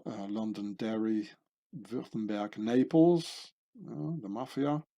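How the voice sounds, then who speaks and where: Slow, mellow man rambling on. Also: on the low side. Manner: meandering, full of fillers and tag questions. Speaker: channel host. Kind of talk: rambling monologue over pictures.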